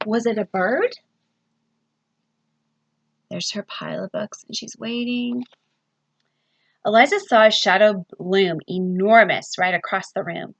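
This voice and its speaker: A woman librarian reading a picture book aloud to children, with expressive sing-song storytelling and questions to her young listeners. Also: mid-range voice, unhurried, long pauses, dry recording, poor audio.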